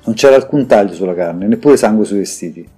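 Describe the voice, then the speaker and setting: Male narrator reading a fantasy audiobook in a low, mellow, measured voice. Soft music plays quietly behind him, and his delivery stays steady and composed. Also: breathy edge. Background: faint background music.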